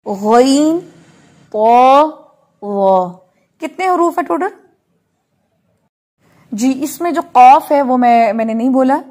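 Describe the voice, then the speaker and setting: A woman teaching an online Quran recitation class, slowly drilling letter sounds and checking in often with her students. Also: on the high side, a little mellow. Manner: slow, patient, drills letters aloud with frequent check-ins. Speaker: Tajweed teacher.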